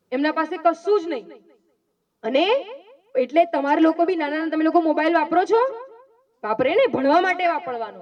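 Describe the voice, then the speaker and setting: A woman giving a simple sermon to schoolchildren, coaxing them with quick questions and calls for answers. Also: sits high. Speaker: Jain nun giving a talk to schoolchildren. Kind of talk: simple sermon to children with call-and-response questions. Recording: dull sound from far off the mic.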